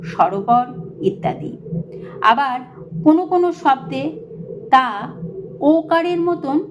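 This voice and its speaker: Woman reading an essay out loud, slow chopped phrases, highish voice, hissy noisy recording. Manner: measured, phrase-by-phrase delivery with pointed emphasis. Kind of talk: read-aloud essay narration.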